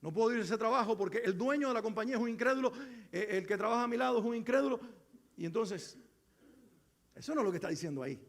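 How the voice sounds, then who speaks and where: High-voiced man preaching in an echoey hall. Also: expressive, fast talker. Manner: earnest, exhorting, with rhetorical questions. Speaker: pastor. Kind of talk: sermon. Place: church sanctuary.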